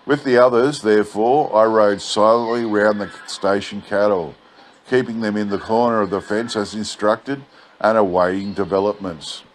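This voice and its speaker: Low-voiced man, laconic outback drawl. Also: fairly even intonation, normal speed. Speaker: story reader. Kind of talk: scripted narration of a bush yarn. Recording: clear background noise.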